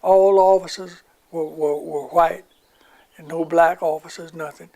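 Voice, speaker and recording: An older man sits for an oral history interview and tells long stories from his time in the army. His voice sits high and has a gravelly edge. He rambles, restarts, and acts out the people he quotes. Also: steady tone, a little slow, dark tone. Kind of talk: recounting war memories.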